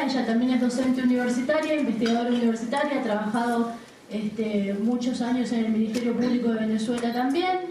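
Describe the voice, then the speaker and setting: A woman with a high voice moderates a panel and introduces the speakers, filling her pauses with "este". She is recorded from far off in a very echoey hall, with clear background noise. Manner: filler-laden introductions, often saying "este".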